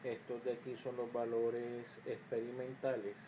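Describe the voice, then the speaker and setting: Against background noise, a male engineering teacher narrates a screen-recorded electrical circuits lesson in a level, mid-range voice at a measured pace. He explains each step with frequent fillers and restarts, occasionally muttering to himself while checking his work.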